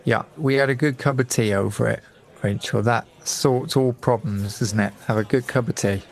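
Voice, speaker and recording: Middle-aged english guy telling his story on the radio, really lively, does little voices for people. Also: mid-range voice, normal speed, vocal fry. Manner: animated storyteller, acts out voices in quotes. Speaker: guest.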